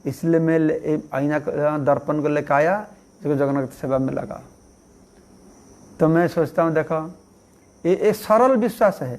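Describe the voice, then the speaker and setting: High-voiced man preaching a story sermon. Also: darkish tone. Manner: conversational, acts out voices in his stories; frequent affirming "haan" fillers. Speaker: monk preacher.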